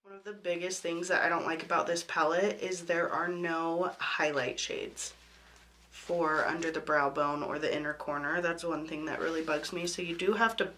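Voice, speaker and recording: A woman's voice: lowish voice, fairly bright tone, slight background noise. A woman beauty vlogger with a sick voice, talking casually step by step through a makeup tutorial. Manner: casual step-by-step talk with many "I'm gonna". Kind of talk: makeup tutorial voice-over and chat.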